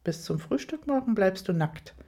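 A woman's voice: mid-range voice, animated, moderate pace, warm tone, slightly rough. A woman reading an audiobook, voicing a stern and teasing adult male lover in a commanding, playful tone.

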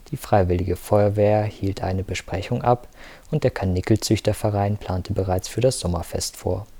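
A man reading a novel aloud as narrator, in a steady, measured storytelling manner on a close mic. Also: low-pitched, no echo. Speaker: audiobook narrator. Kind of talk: scripted narration.

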